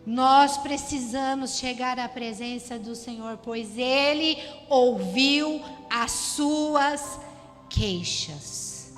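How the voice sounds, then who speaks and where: A woman's voice: high-pitched, drawn-out words. A Brazilian woman preaching a sermon to her congregation, repeating phrases and exhorting the listeners. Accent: Brazilian Portuguese. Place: church hall. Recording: church hall reverb with music.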